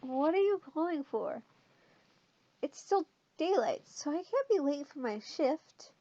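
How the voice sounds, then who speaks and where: A woman's voice: sits high, animated, a little slow, dark tone, no echo, pitched above the performer's own voice. A woman voicing a sleepy, irritable young woman night guard with a smirking, snarky edge. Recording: dull lo-fi sound.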